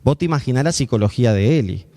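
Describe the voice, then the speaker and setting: A man's voice: medium pitch, expressive, fast talker, mellow, long reverb tail. A man with an Argentine accent preaching a sermon as a pastor. He tells a personal story and acts out the voices of the people in it. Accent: Argentine Spanish.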